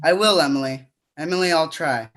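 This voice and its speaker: A man's voice: fairly high pitch, fairly quick, fairly bright tone, close to an everyday voice. A young man voicing a nervous young groom who speaks earnestly in a school play reading. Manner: earnest, restless.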